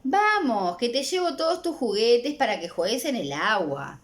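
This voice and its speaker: A patient young mother coaxing her little boy through bath time, a woman reading her out from a comic strip. The voice sits high and bright above her usual register, with a firm but lively Uruguayan lilt. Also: moderate pace. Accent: Uruguayan Spanish.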